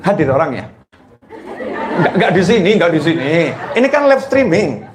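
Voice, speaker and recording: A man preaching a sermon to a live audience, playfully quizzing the mothers and mimicking them in high squealing voices. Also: sing-song, moderate pace, reverberant, a crowd in the background, noisy background. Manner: playful, teasing the audience with questions.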